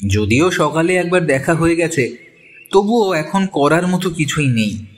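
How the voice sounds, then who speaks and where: In an audio drama, a man plays a detective's curious, sceptical male companion, narrating the story in the first person. His fairly high voice is animated yet unhurried, with a measured narrative mood.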